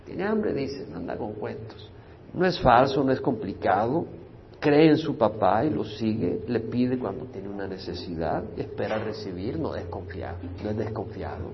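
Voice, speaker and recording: Expressive male pastor teaching scripture. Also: on the low side, normal speed, muffled recording, slight background noise. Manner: expressive, swings from loud scripture reading to soft asides; explains Hebrew words with English glosses. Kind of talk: Bible study sermon.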